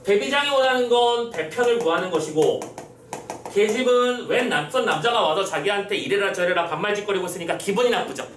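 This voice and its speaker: A man's voice: sits high, fairly quick, a bit bright, slight background noise. A man teaching a Korean literature exam-prep lecture, explaining step by step and often checking understanding with short questions. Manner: acts out quoted lines in a gruff voice. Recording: roomy echo, slightly distant mic, faint ambience.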